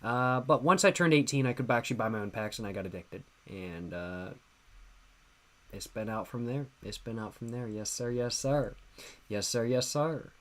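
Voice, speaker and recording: At a moderate pace and medium pitch, a twenty-something livestream host chats casually with viewers. A little tipsy and laid-back, he reads their questions and answers in slang, repeating what he says.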